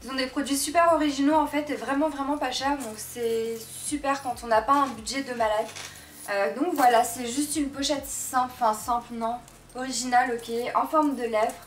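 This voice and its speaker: High-voiced young woman vlogger with slight lisp. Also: fairly even intonation, normal speed. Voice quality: slight lisp from tongue piercing. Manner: gushing, slangy. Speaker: beauty and fashion vlogger. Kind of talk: casual chat to viewers. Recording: roomy echo, distant mic, faint noise.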